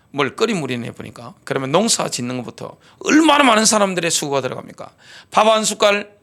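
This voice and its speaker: A man's voice: high-pitched, creaky, pushed and bright. A middle-aged man preaching a sermon as pastor, driving points home with rhetorical questions and repetition. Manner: repetitive call-and-response delivery.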